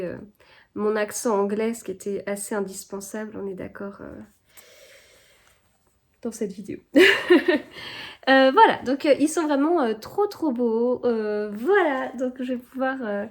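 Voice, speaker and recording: Chatty woman vlogging, full of fillers. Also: fairly high pitch. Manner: hesitant, many fillers and restarts. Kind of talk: casual vlog chat. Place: home indoors.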